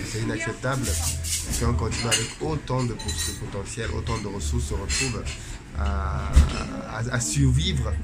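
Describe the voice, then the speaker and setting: A man hosting an interview, speaking earnestly with many hesitations. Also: lowish voice. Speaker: interviewer and channel host. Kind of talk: opinionated introduction then interview. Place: café in Paris. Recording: loud music underneath.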